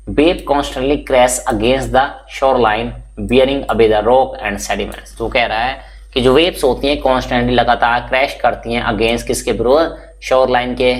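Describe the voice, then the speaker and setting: Man explaining a textbook chapter. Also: mid-range voice. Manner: reads English lines slowly, then explains quickly in Hindi; chatty teaching with frequent "bhai" and check-ins. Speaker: teacher. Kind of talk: Hindi-English exam-answer explanation.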